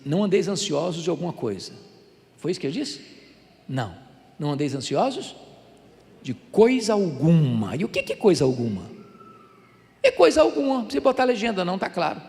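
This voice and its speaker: An older Brazilian man preaches in a church with a long, ringing reverb. His voice sits high for a man and swings widely in pitch, with a gravelly edge, as he tells stories animatedly and drives his points home emphatically. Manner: animated storytelling, emphatic preaching that builds to loud climaxes. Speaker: pastor. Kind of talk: sermon.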